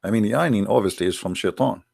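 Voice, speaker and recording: Man, livestream host, sarcastic mocking delivery, low voice, gravelly fry. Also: fast, a little mellow, no echo. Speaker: online show host. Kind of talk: livestream commentary.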